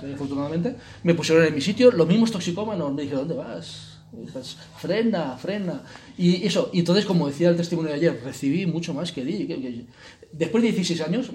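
Spanish guy leading a retreat, talks fast, keeps tossing in little questions, bit of hiss behind. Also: on the high side, a little mellow. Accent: Spain. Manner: colloquial, full of rhetorical questions and tag words. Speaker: retreat leader. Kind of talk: retreat talk.

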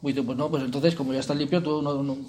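A man leading a spiritual retreat in an informal, conversational way, often tagging his sentences with quick checks to the group and slipping in jokey asides. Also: mid-range voice, steady tone, darkish tone, a little hiss or hum. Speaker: retreat leader.

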